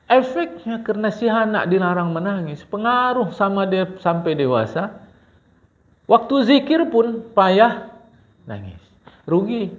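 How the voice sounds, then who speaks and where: Animated preacher man, lively high voice. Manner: animated, lively, addresses the congregation often. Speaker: religious teacher. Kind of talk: mosque study-circle sermon. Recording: dull lo-fi recording.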